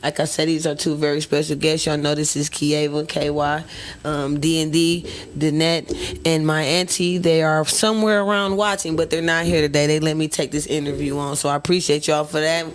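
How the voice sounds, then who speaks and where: A man's voice: a little high, little pitch movement, normal speed, a little hiss or hum. A man hosting a casual interview in informal, slangy talk. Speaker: interview host.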